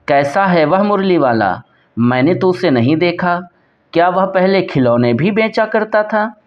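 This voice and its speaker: A male teacher giving an exam prep lecture, explaining step by step, reading out each question and asking and answering himself. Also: on the high side. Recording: dull lo-fi recording.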